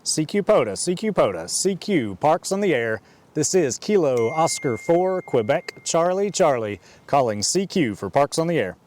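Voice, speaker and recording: A man making a ham radio call outdoors, reciting his call sign in phonetic alphabet over and over with a steady rhythm. His voice sits a little high for a man, with faint noise behind it. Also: normal speed. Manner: steady, repetitive radio procedure cadence. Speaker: amateur radio operator. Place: outdoors in a park.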